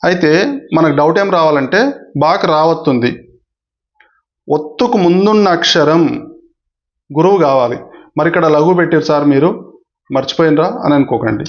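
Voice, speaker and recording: A man's voice: on the high side, fast talker, muffled recording. A man teaching a grammar lesson for exam candidates, who explains patiently, repeats the key points and addresses his viewers politely.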